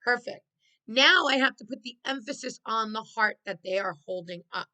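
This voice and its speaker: A woman's voice: a little high, normal speed, bright, forceful tone, low-quality recording. A woman art teacher leading children through a step-by-step drawing lesson, encouraging them with praise and prompts.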